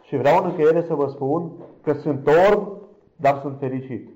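A man delivers an impassioned sermon testimony straight to the congregation, swinging from loud, fervent cries to hushed near-whispers. His voice is a little high, and the recording quality is low.

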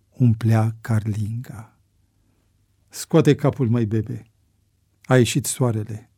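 A man narrating an adventure story in a measured, dramatic audiobook reading. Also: medium pitch, dark tone, husky, no room sound, clean studio sound.

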